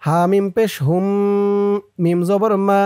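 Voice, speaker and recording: A man with a Bangladeshi Bengali accent teaching a prayer by slow recitation, spelling out each Arabic letter and vowel mark and drawing out the chanted words. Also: high voice, fairly even intonation, a little mellow, smooth, no echo, studio quality. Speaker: Islamic teacher.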